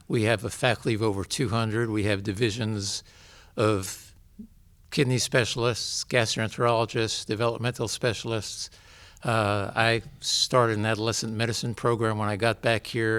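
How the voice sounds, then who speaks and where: Older male doctor, measured and explanatory. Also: fairly low pitch, fairly bright tone. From New York. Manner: measured, explanatory, listing facts. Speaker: pediatrician and professor, guest. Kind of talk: interview.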